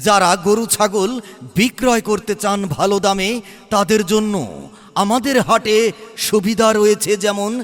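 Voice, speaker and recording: Man calling out over an echoing loudspeaker. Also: high voice, little pitch movement, faint music behind. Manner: drawn-out calling delivery. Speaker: market announcer. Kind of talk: loudspeaker advertising announcement.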